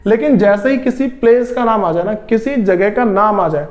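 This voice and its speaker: Slow and repetitive, a man with a high voice walks his students through English grammar, going over each rule more than once. Hindi is his first language, and he keeps clearing his throat between steps of this spoken lesson.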